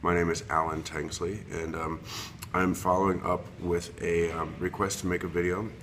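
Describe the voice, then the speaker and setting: An interior designer from Long Island, New York, a man in his fifties, records an unrehearsed introduction of himself on a computer webcam. His low voice has a level, fairly bright tone, and he speaks haltingly, with ums and restarted sentences. A faint hiss sits in the background.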